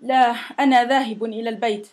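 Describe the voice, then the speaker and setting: A woman voicing a kind, patient little male monster in a storybook reading, speaking gently. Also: a little high, steady tone, fast, close to an everyday voice. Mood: gentle.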